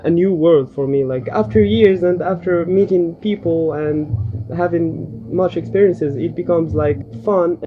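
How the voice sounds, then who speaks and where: A man's voice: a little high, measured pace. Young man from Morocco, muffled. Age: 20s. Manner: candid, chatty, heavy on "like". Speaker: guest, graduate. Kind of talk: casual interview answers. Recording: dull lo-fi sound, faint noise.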